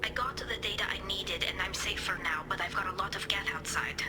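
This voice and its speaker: Tali over a sci-fi communicator. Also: female voice, mid-range voice, brisk. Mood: urgent. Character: young female alien engineer, earnest and brave. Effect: sci-fi communicator radio transmission. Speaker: squad ally on comms. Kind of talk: video game voice acting. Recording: game audio with loud music underneath.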